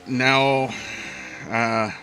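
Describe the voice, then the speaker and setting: A man hosting a live racing broadcast, calling the standings and the action in brisk play-by-play over a headset. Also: mid-range voice, fairly even intonation, sharp tone, soft background music. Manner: brisk play-by-play, running through standings and names. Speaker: lead race commentator.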